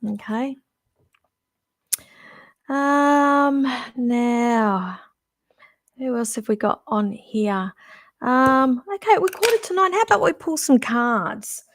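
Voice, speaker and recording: A chatty middle-aged woman hosts a live-stream psychic reading from home, her voice sitting a little high. She thinks aloud, breaks off mid-phrase and restarts with fillers as she goes. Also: expressive, slow, long pauses. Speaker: psychic reader.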